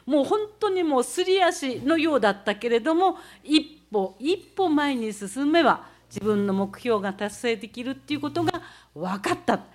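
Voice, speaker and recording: A woman's voice: sits high, lively intonation, moderate pace. A woman from the Tohoku region of Japan giving a talk, explaining techniques step by step as she demonstrates them. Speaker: speaker recounting leading a student climb.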